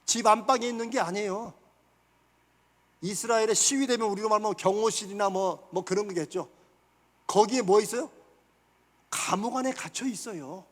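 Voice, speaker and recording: High-voiced male pastor in a reverberant church. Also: moderate pace, long pauses. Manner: asks the congregation questions and answers them himself. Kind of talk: sermon. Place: church sanctuary.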